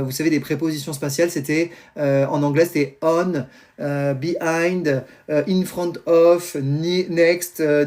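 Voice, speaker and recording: A middle-aged man, a teacher and trainer, giving advice to parents on a live stream in an animated, explanatory way, with many fillers and restarts. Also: on the high side. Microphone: phone or computer mic on a live stream.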